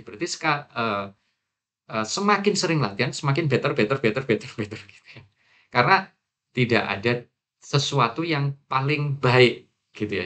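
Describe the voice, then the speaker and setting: A man's voice: medium pitch, sharp tone. A man giving a conversational university lecture on presentation skills, asking rhetorical questions and mixing in English terms. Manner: conversational, frequent filler tags and rhetorical questions; mixes English terms into explanations.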